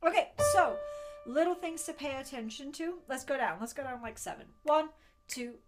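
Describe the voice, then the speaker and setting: A woman's voice: high-pitched, lively intonation, a little fast. A woman voice teacher practicing tones in a guided vocal exercise, counting in and giving informal step-by-step instructions. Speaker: voice teacher leading singing exercises. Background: piano playing exercise notes.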